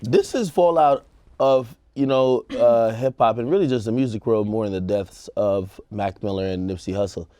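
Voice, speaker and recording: A talk show co-host with an American accent shares casual, slangy opinions in panel chat, acting out quotes as he goes. His voice is lowish and mellow at normal speed, and the recording is dry.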